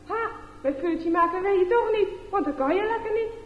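A woman's voice: extremely high pitch, normal speed, slight background noise, pitched above the performer's own voice. A woman voicing a group of taunting, jealous schoolchildren in a children's story. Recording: echoey, dull lo-fi room recording.

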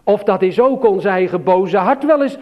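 Male preacher, children's sermon, raised pitch, unhurried emphatic delivery, dull lo-fi sound. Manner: slow and emphatic, questioning the listeners.

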